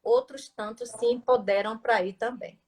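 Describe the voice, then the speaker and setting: A woman's voice: a little high, fairly even intonation, moderate pace, a little mellow, slight background noise. A woman teacher, explaining in a conversational interview and stressing points with rhetorical and tag questions.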